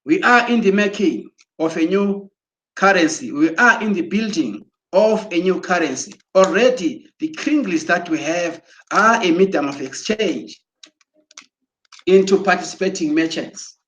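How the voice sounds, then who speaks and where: An excited man urging his listeners on, his voice sitting high for a man. He talks slowly and deliberately, often repeating and restarting words. It sounds like a computer mic while he shares his screen. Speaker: broadcaster. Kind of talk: promotional motivational talk.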